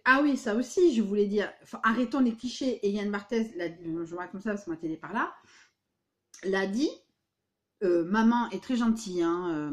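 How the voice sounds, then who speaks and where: Rambling southwestern French woman vlogger. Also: medium pitch. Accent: southwestern French, Béarnais-tinged. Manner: rambling, emphatic, talks straight to viewers. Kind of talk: casual vlog monologue. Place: at home indoors.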